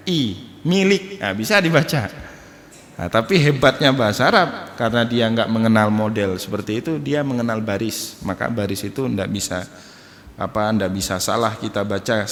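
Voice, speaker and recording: A man giving a lively mosque study lecture, joking and chuckling as he teaches and spells out letters. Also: medium pitch. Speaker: Islamic lecturer. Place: mosque hall. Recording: echoey mosque hall.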